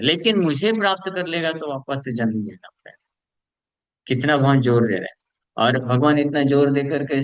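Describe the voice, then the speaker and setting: A man's voice: mid-range voice, dry recording, rough recording. A man from India giving a scripture lecture, earnest and repetitive for emphasis, slipping English words into his talk and acting out listeners' excuses. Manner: earnest, repeats points for emphasis, mixes English words into Hindi; acts out listeners' excuses in asides. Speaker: preacher giving a scripture class.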